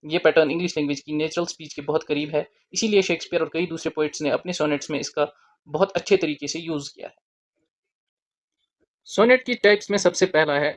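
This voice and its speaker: A teacher explaining a literature topic in a deliberate lesson, spelling out key terms word by word. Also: medium pitch.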